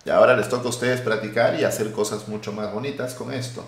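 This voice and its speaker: Lively man teaching code live, roomy sound. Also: fairly low pitch, fast. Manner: lively, thinks aloud while typing code. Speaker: web development instructor. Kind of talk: live coding tutorial. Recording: roomy echo.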